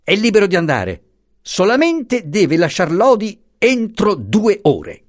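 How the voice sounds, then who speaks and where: A man's voice: sits high, huge pitch swings, measured pace, pitched above the performer's own voice, exaggerated voice. A man reading aloud and voicing an insolent male police commissioner who barks brusque, threatening orders. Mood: bullying contempt.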